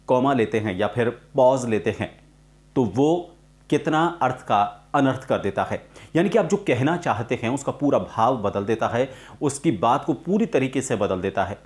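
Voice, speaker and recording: A man teaching a spoken lesson on voice-over, with slow, deliberate pauses and frequent "uh" fillers. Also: mid-range voice, lively intonation.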